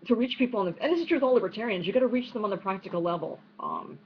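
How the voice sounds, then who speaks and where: A woman with a New York accent answering audience questions online in a quick, chatty way, full of fillers and restarts. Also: mid-range voice, lively intonation, slightly rough. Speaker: speaker at an online unconference. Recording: dull lo-fi stream with faint noise.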